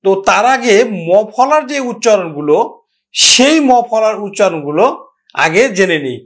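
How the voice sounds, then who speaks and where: A man teaching a pronunciation lesson, talking directly to students and repeating example words slowly. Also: high voice, animated, a bit bright. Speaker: Bengali language teacher. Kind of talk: classroom-style grammar lesson.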